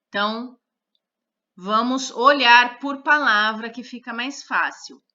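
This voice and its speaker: A woman teaching a third-grade lesson, repeating each word and counting its syllables with slow care. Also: a little high, pushed and bright. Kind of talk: slow, careful classroom lesson. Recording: dull lo-fi recorded lesson.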